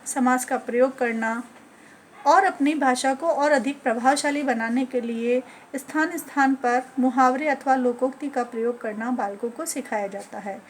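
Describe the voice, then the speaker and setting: A woman teacher educator giving a lecture on teaching methods, listing points one by one in a measured way. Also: high voice, slight background noise.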